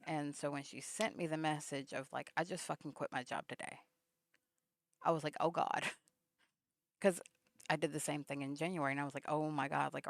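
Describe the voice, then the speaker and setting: A woman's voice: sits low, creaky, no room sound, studio quality. A woman vlogger telling a story in a casual, rambling way, full of fillers, acting out remembered text exchanges. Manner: rambling, many fillers, acts out remembered texts.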